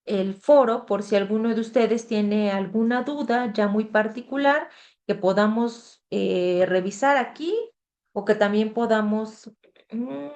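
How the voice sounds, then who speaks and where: A woman's voice: on the high side, a little slow, a little mellow. Woman, tutor, casual online class, video call mic, filler-heavy conversational delivery. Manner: conversational, reads the chat aloud, filler "este".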